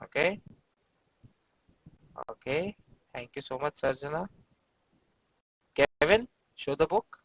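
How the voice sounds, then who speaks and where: Male chemistry teacher, Indian accent, somewhat high voice, encouraging, live-class delivery with repeated short prompts. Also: expressive, takes it slowly, long pauses, dry recording, poor audio.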